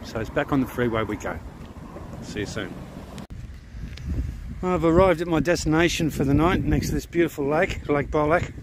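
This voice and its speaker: Camping by a lake, a middle-aged Australian man chats to a handheld camera held at arm's length for a travel vlog. His somewhat high voice moves at a moderate pace, relaxed and easygoing, with background noise behind it.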